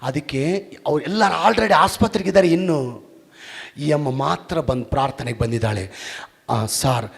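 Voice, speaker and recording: A male pastor preaching a sermon, fervent and shouting, with repeated exclamations. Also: a little high, normal speed, gravelly. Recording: long reverb in a hall.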